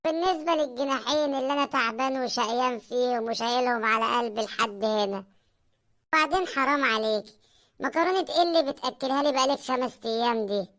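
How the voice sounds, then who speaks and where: In Egyptian Arabic cartoon comedy, a woman voices a fast-talking husband who grumbles about prices and pleads for a proper meal. The voice sits fairly high and a bit bright, with a whiny, complaining delivery.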